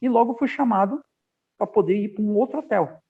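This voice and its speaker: A man's voice: high-pitched, fairly quick, breathy edge. A man from Brazil, a guest on an interview podcast, telling stories from his working life and acting out the dialogue he quotes. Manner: animated storyteller, acts out quoted dialogue. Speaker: podcast guest, aviation professional. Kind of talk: casual interview storytelling. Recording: tinny phone-like line.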